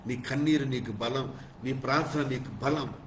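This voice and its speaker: A man preaching in a sermon, driving his points home with short repeated phrases, then easing into quieter stretches. His voice sits in a middle register. A faint hiss runs underneath. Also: mid-range voice, normal speed, roomy sound, poor audio. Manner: preaching with rising, emphatic lists and softer reflective passages. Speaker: pastor.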